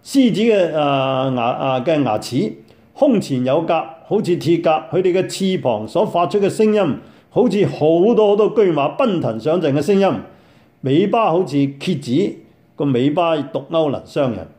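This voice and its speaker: An older man preaching a sermon on scripture, animated and exclamatory, repeating phrases for emphasis. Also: a little high, moderate pace.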